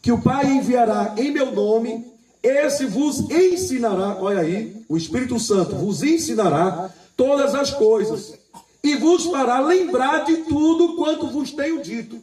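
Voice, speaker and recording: High-voiced preacher in an echoey hall. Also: male voice, animated, a little mellow, far from the mic. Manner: repeats phrases, asks the congregation "Amém?"; reads scripture slowly and with emphasis. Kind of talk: sermon.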